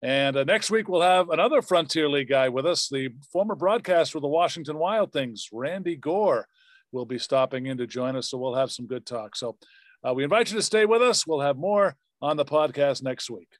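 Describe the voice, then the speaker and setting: A podcast host with a higher-pitched voice speaks briskly, with no echo, as he casually signs off an interview and warmly thanks his guests.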